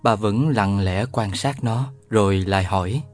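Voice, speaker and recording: A man narrating a children's novel aloud in a lively storytelling manner. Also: fairly low pitch, moderate pace, faint music behind. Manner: lively storytelling, voices all the characters. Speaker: audiobook narrator.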